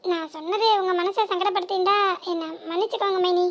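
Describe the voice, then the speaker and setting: Cartoon: a woman as a giggly, sharp-tongued young village woman with a southern Tamil Nadu accent and a very high voice. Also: fairly even intonation. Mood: coaxing. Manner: mocking, quick-witted, giggly. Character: teasing young village woman, playful joker. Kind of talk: village cartoon comedy dialogue.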